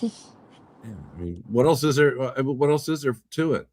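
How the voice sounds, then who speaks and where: A man's voice: medium pitch, animated, normal speed, darkish tone. A man hosting a casual talk show, rambling with repeated words and swearing when riled. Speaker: podcast host. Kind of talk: casual political chat.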